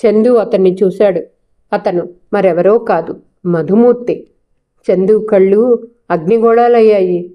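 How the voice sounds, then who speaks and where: A woman narrating a novel aloud in a steady, expressive storytelling manner. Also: medium pitch, a little slow, pauses often, muffled recording. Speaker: audiobook narrator.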